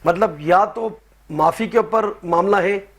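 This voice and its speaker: A man's voice: high voice, slow. A male party representative arguing his case on a talk show, firing off rhetorical questions. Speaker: party spokesman guest. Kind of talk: heated political debate.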